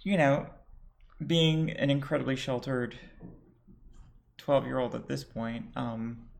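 Gravelly-voiced wry man telling a story. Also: mid-range voice, takes it slowly. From United States. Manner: wry, sarcastic asides. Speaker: podcast co-host. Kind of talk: casual chat, storytelling.

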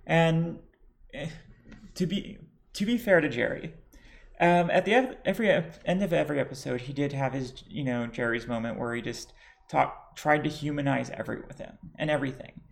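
A man's voice: fairly high pitch, moderate pace, gravelly. A man in his forties co-hosting a casual podcast, telling a personal story with wry, sarcastic asides. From United States. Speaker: podcast co-host.

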